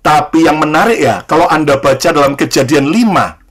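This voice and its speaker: High-voiced male pastor preaching with call-and-response. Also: lively intonation, a little fast, husky. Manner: leads the congregation in call-and-response repetition; jokes lightly and addresses listeners as brothers and sisters. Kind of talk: sermon.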